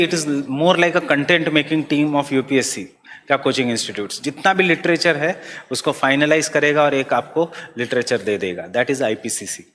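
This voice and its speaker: A man with an Indian accent teaching an exam-prep class, dictating slowly and repeating each phrase so students can write it down, then explaining in a mix of Hindi and English. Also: medium pitch, fairly bright tone, big-room sound, a little hiss or hum.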